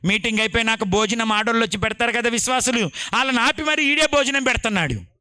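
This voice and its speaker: A male pastor, telling a story in an animated sermon. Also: extremely high pitch, quick pace, clear, resonant tone, no echo, studio quality. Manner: animated storytelling, dramatic retelling.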